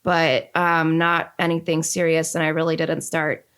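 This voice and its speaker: A woman's voice: low voice, a little slow, smooth. Chatty young woman, filler-heavy casual talk. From Northeastern United States. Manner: chatty, many fillers and "like"s, lively and candid. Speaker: podcast guest. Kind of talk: casual conversation.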